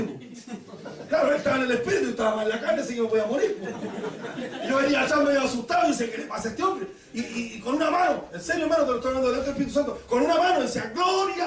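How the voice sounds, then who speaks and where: High-voiced Chilean pastor preaching fast. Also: male voice, recorded from a distance. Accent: Chilean Spanish. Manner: storytelling with laughs and sudden shouted praises. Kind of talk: Pentecostal sermon. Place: church hall. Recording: echoey church hall, mic from afar.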